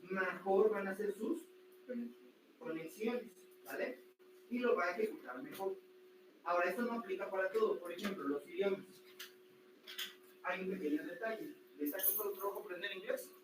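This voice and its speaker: A man teaching anatomy to a class, lively and full of rhetorical questions to his students. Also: sits high, moderate pace. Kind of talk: classroom lecture. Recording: echoey room, distant mic, noisy.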